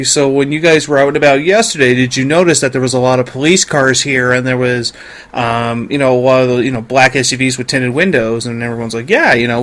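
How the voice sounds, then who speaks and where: A man with a mid-range, fairly bright voice chats casually on a podcast, telling animated stories. He jokes, swears and acts out the quoted dialogue.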